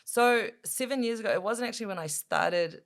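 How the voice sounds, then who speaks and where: A woman in her thirties with a New Zealand accent, chatting casually as an interview guest, talkative and quick to laugh. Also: mid-range voice. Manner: chatty, laughs easily, lots of fillers. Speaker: guest, MMA fighter. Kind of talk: casual chat.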